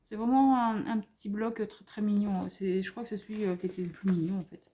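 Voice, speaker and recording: A woman's voice: medium pitch, fairly even intonation, brisk. A French woman showing craft paper pads at home, chatting in a rambling, gushing way with many fillers and restarts. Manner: softly gushing over cute items. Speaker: craft vlogger showing a haul. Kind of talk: casual haul commentary. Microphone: camera on a tripod.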